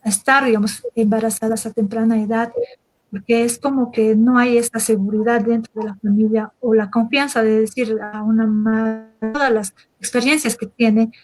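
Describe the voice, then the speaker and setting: A woman hosting an interview, reflecting hesitantly and often pausing with fillers. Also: on the high side, fairly even intonation, darkish tone, soft background music, low-quality recording. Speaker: interview host. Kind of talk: conversational interview.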